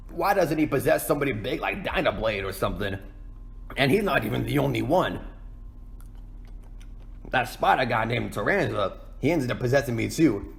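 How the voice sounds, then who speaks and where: In a folksy, rambling ASMR roleplay monologue, a man plays a cartoon penguin king who is both self-pitying and boastful. His voice is mid-range, gravelly and creaky.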